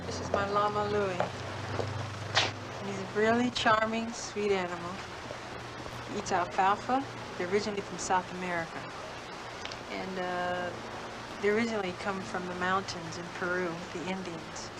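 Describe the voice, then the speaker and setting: A woman's voice: medium pitch, fairly even intonation, moderate pace, long pauses. A woman talking casually to camera about her pet llama in an old clip, fond and coaxing toward the animal. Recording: old clip with loud background noise.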